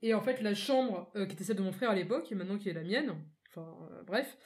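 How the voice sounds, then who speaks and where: A woman co-hosting a casual podcast, telling lively anecdotes. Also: mid-range voice, fast talker. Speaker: podcast co-host. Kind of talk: casual round-table chat.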